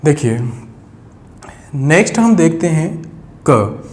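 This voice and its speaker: Man, phonetics teacher, slow deliberate pace, slightly high voice, patient, repeats sounds. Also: very animated, darkish tone. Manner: patient, repeats key sounds, addresses viewers as friends. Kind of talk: explaining a lesson at a board.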